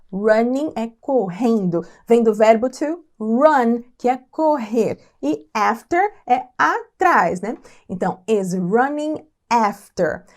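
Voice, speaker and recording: Woman from Brazil, slightly high voice, English teacher walking through song lyrics, repeats phrases slowly and patiently. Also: a little mellow. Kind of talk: lyric-by-lyric language lesson.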